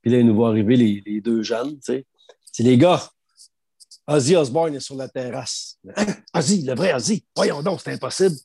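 Gravelly and husky at medium pitch, a middle-aged Quebecois man tells anecdotes as a guest at a moderate pace. The chat is casual, animated and slangy, with no room sound in the recording.

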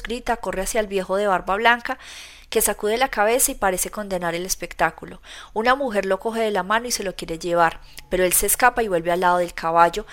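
A woman narrating a classic novel as an audiobook reader, in steady storytelling. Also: medium pitch. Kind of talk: scripted narration.

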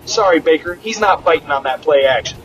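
A man's voice: animated, a little fast, a bit bright. Guy caller doing a big announcer voice, muffled lo-fi sound, faint music. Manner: announcer-style, booming delivery. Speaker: listener caller. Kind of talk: recorded sports prediction message.

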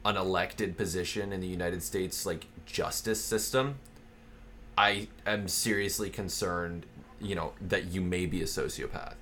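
Brief: deep-voiced male podcast co-host, rambling and sarcastic, faint noise behind. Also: fairly even intonation, a little slow, a bit bright. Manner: rambling, many fillers and restarts; sarcastic, profane. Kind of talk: casual political podcast chat.

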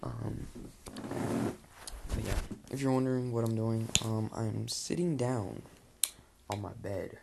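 Speaking slowly with long pauses, a young podcast host rambles through a casual late-night solo episode from his bed. His voice is low-ish, creaky, dry and sleepy, his manner relaxed and full of fillers. The bedroom recording carries a faint background hiss.

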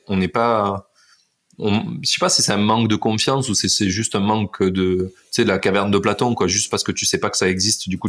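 Male podcast host, very low voice, loose and rambling. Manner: rambling, many fillers and restarts. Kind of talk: casual interview chat.

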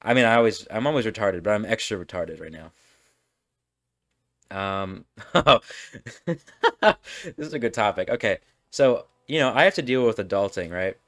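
A man's voice: lowish voice, animated, moderate pace, long pauses, fairly bright tone. A young man hosting a podcast, rambling through a casual monologue, often breaking off and laughing at himself. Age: young adult. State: burping, hiccups. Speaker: podcast host.

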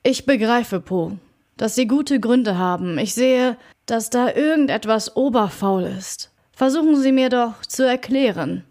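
A woman reading the lines of a calm male lawyer in an audiobook, measured and formal. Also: on the high side. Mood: composed.

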